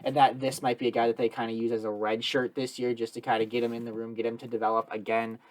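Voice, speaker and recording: A man's voice: medium pitch, level tone, fast. Eager, talkative man hosting sports talk. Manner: eager, talkative, emphatic analysis. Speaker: podcast host. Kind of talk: casual sports discussion.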